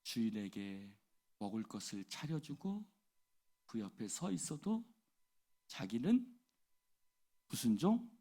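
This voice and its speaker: Husky middle-aged man preaching. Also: mid-range voice, slow, long pauses. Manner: animated preaching, rhetorical questions to the congregation. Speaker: pastor. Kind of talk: early-morning church sermon.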